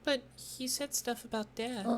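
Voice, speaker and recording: A sardonic young boy, played by a woman over a game. His delivery is slow and drawling, and he swears freely. The voice sits fairly high for a boy. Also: fairly even intonation, over music, lightly acted. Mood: groggy. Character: sleepy, sarcastic young boy.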